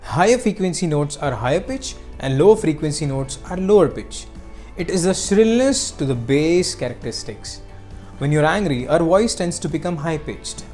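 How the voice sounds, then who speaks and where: A teacher giving scripted narration on speaking skills, explaining clearly and acting out short examples. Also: mid-range voice, lively intonation, normal speed, a little mellow, soft background music.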